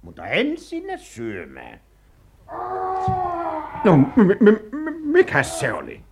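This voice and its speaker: A man's voice: medium pitch, big pitch swings, gravelly, noisy background. An actor playing a blustering, jumpy male adventurer in a vintage radio play, stammering and cursing. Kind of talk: 1940s radio acting.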